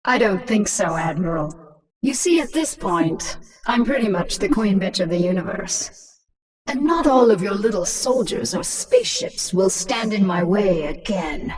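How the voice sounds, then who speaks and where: A woman's voice: medium pitch, lively intonation, measured pace, recorded from a distance, natural voice, low-quality recording. Woman voicing a gloating, ruthless alien swarm queen, Kerrigan. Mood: mocking menace. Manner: mocking, imperious, drawling threats. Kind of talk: dramatic video game acting. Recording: voice under very loud music.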